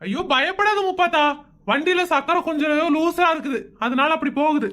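A woman's voice: high-pitched, brisk, a bit bright. A woman acting a tipsy husband who fumbles excuses and scolds his wife in a comedy skit. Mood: fibbing. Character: tipsy bumbling husband, middle-aged man, evasive.

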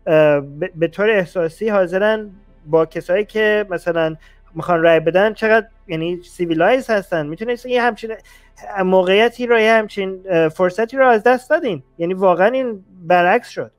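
Male stream host, high voice, argumentative and questioning, faint music underneath. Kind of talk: live stream chat with callers.

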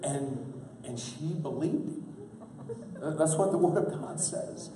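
A pastor preaching a folksy, humorous sermon at a church camp, heard from a distance in a large hall. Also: male voice, on the high side, animated, slow, heavy background noise. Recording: echoey hall from far off.

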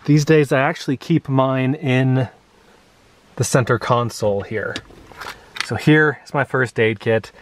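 Relaxed chatty man showing his kit. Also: medium pitch, a little slow, pauses often, slight background noise. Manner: relaxed, chatty, lots of uh fillers. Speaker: vlogger. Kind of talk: casual show-and-tell. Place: outdoors in a grassy clearing by trees.

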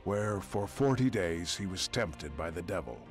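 A man narrating scripture as a solemn storyteller in a video game, measured and formal. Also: deep voice, expressive. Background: game music.

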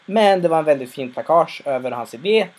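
A man's voice: a little high, lively intonation, darkish tone. A man casually retelling a story, rambling with fillers and restarts. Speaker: episode recapper.

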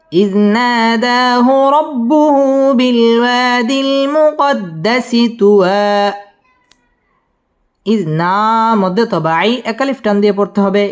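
A man teaching Quran recitation, spelling verses out syllable by syllable and then chanting them melodically. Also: high voice.

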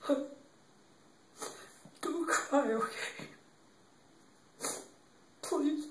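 An actor playing a young man who gently consoles his grieving girlfriend, speaking in a halting, tearful, repetitive way. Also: very high voice, fairly even intonation, noisy background. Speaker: actor in an improv demo reel. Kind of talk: improvised dramatic monologue. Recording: roomy, distant from the mic.

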